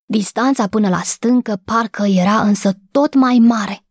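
A woman reading a children's story aloud as narrator, with calm, even storytelling. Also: mid-range voice, dry recording, studio quality.

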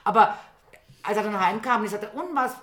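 A woman in her fifties chatting casually as a podcast co-host, a lively storyteller who hesitates with many fillers. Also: medium pitch, brisk, a crowd in the background. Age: 50s. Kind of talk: casual chat, telling anecdotes. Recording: roomy echo.

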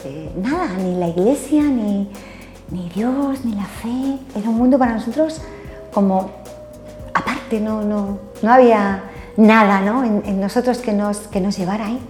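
Older spanish lady sharing her faith story, halting, lots of "eh", echoey room. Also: mid-range voice, a little mellow, faint music behind. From Spain. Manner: hesitant, many fillers and tag questions. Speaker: interview guest. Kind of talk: personal faith testimony.

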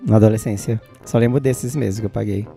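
A man with a Brazilian accent in casual chat, expressive and quick to exclaim. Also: on the low side, gravelly, faint music behind. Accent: Brazilian Portuguese.

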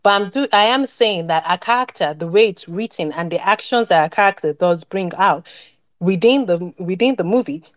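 A woman with a fairly low voice chats casually about a movie on a podcast. She rambles, restarts sentences and reaches for words as she goes. The sound is dry and close, with no room around it. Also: lively intonation, moderate pace, dry recording. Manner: rambling, many restarts and fillers. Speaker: podcast co-host. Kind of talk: casual film discussion.

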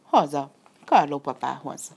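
A woman voicing a naive, eager wooden puppet boy in a storybook reading, talking in an excited, chirpy way. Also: deep voice, gravelly, husky, exaggerated voice.

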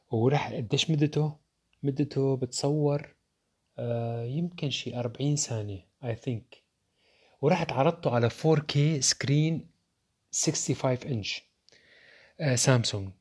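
A man's voice: medium pitch, a little mellow, slightly rough. A young man with a Levantine Arabic accent, giving his opinions on phones in casual, rhetorical talk that speaks straight to viewers. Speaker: tech reviewer.

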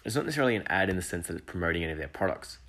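Man, very low voice, solo podcast, eager rambling talk. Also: animated, very fast, fairly bright tone. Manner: enthusiastic, rambling with restarts and asides. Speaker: education podcast host.

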